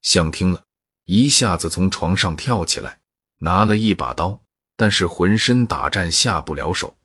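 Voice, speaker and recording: Low, husky male storyteller. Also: expressive, moderate pace, a bit bright, no echo, clean studio sound. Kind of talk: folk tale narration.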